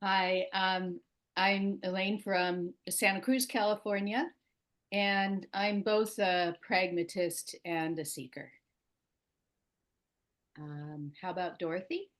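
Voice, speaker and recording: A soft-spoken woman introducing herself in an online class over a video call. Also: medium pitch, steady tone, slow. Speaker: class participant.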